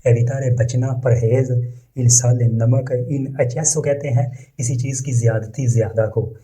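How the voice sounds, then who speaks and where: A man's voice: mid-range voice, dark tone, low-quality recording. A man teaching a language lesson, saying each phrase and then explaining it word by word. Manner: says foreign phrases very slowly and deliberately.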